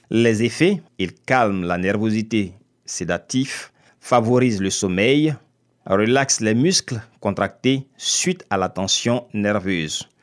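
A man hosting a radio health program, reading a scripted text in a measured way and stressing each heading. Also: lowish voice. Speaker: radio health show host. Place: radio studio.

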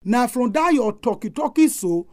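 A man's voice: very high voice, expressive, normal speed, no echo, clean studio sound. A man with a Nigerian accent preaches as a pastor on a radio programme, speaking in Nigerian Pidgin. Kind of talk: family-life sermon.

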